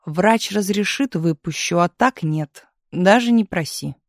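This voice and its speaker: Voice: mid-range voice, a little slow, dry recording, lightly acted. Reader voicing a harsh older hospital nanny, curt scolding delivery, dry close recording. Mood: stern.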